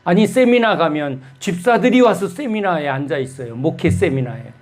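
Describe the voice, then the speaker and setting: A man's voice: on the high side, expressive, moderate pace. A man preaching a sermon as pastor, telling stories and putting rhetorical questions to his congregation.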